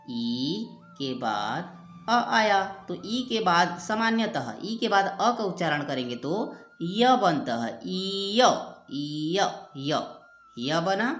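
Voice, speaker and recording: Slow-paced woman teaching grammar. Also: lowish voice, a bit bright. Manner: slow and patient, repeats sounds and examples. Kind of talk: explaining step by step with a whiteboard. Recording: echoey room, faint background music.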